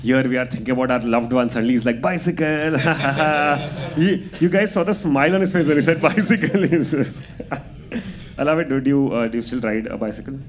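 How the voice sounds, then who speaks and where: A man's voice: mid-range voice, normal speed. A man hosting an open mic, bantering with the audience in a teasing, laughing way. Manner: teasing, laughing, animated chatter. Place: indoor open mic venue. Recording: audible background noise.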